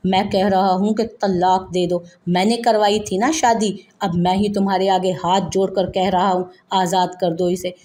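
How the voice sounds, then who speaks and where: A woman voicing a stern elder brother of the family who speaks gravely and with authority, in a narrated audio novel. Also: mid-range voice, flat delivery, normal speed, hardly any pauses, warm tone, lightly acted. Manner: grave, commanding.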